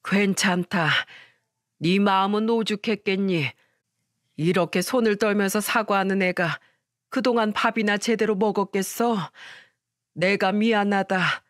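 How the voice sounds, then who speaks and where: A woman's voice: medium pitch, measured pace, dry recording, clean studio sound, close to an everyday voice. A woman voicing a kind, comforting older father in a storytelling radio reading. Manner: gentle, consoling.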